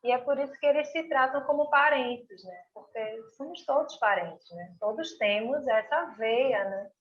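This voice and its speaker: A woman's voice: fairly high pitch, normal speed. A woman from Pernambuco, Brazil, a guest artist telling an emotional story in a live-stream chat, with frequent tag questions. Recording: dull lo-fi stream audio.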